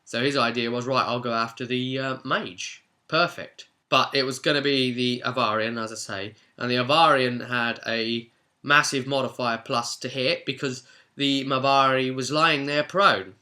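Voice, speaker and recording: In an informal recap, a British game master walks through the events of a tabletop role-play session with chatty enthusiasm. He speaks at normal speed, his middle-pitched voice bright and forceful.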